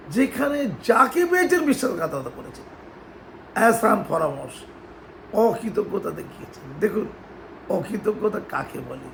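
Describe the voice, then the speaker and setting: A man's voice: sits high, gravelly, slight background noise, rough recording. A man giving a mocking, sarcastic political commentary monologue.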